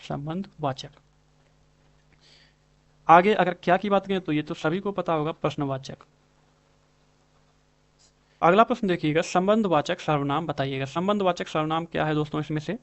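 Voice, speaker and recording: A young man with a slightly raised voice walks viewers through grammar practice questions. He repeats key terms slowly and keeps calling his audience friends. The delivery is patient and drawn-out, like a tutor going over answers one by one. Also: a little high. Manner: repetitive, addresses viewers as friends, stretches out spelled words. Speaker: Hindi grammar teacher. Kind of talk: exam-prep lesson, explaining answers.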